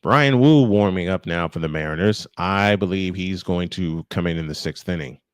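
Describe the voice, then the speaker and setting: A man with a low voice calls a live baseball game as the play-by-play announcer, speaking at a moderate pace and adding conversational, opinionated asides. The recording is studio quality, with a clean tone and no room sound.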